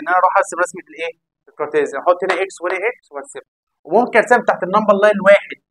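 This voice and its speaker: A young Egyptian man teaches math at a brisk clip, firing questions at his students and then answering them himself. His Egyptian Arabic accent is clear. The sound is dry and close, with no room around it. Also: high-pitched, a bit bright, no echo, low-quality recording. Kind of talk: classroom math lesson.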